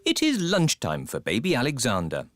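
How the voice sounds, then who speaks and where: A man playing a calm, kindly storybook narrator for a children's cartoon. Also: mid-range voice, normal speed. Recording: music behind the voice.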